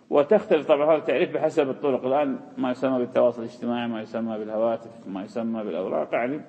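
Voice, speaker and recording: A man lectures at a brisk clip, explaining each term and repeating the important words for his students. His voice is rough and gravelly. The recording sounds muffled and lo-fi, with a long hall reverb behind it. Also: mid-range voice, darkish tone. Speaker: hadith teacher. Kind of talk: classroom lecture.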